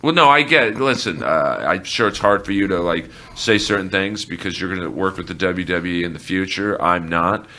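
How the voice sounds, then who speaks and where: A blunt, deep-voiced man as a podcast guest. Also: animated, brisk, hardly any pauses, pushed and bright. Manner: blunt, opinionated, irreverent. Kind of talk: casual interview chat.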